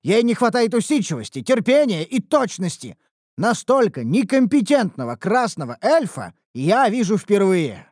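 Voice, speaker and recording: A narrator voicing a grumpy, indignant male blacksmith who scolds loudly in an audiobook. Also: mid-range voice, animated, normal speed, dry recording, studio quality, voice pushed up, close to an everyday voice. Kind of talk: audiobook character voice.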